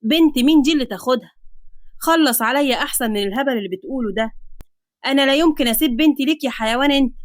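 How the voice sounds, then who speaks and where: A woman's voice: sits high, rapid-fire, no room sound, close to an everyday voice. A woman with an Egyptian Arabic accent voicing a cowardly, selfish middle-aged father who pleads and whines. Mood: whining. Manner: whining, pleading.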